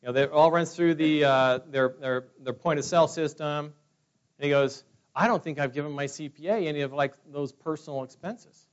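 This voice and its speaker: With a clean tone, fairly high pitch, and moderate pace, a California man in his forties rambles chattily through personal stories for a business meeting, filling his speech with fillers. It's casual testimony to the room, recorded with dull lo-fi sound.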